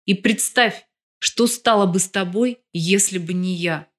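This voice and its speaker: A woman's voice: medium pitch, a little slow, lightly acted. A woman voicing a menacing middle-aged male crime boss who hisses cold threats in an audiobook.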